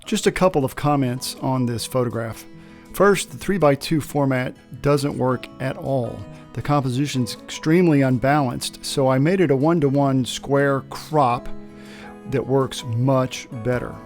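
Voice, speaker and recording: A man's voice: medium pitch, measured pace, darkish tone, soft background music. A man, a landscape photographer, talking casually outdoors on a mountain trail, frank and self-critical as he gives tips. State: out of breath.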